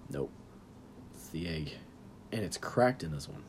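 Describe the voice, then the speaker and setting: A man's voice: extremely low pitch, expressive, unhurried, slight background noise. A young man co-hosting a podcast, casual chat with crude, teasing humor. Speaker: podcast co-host.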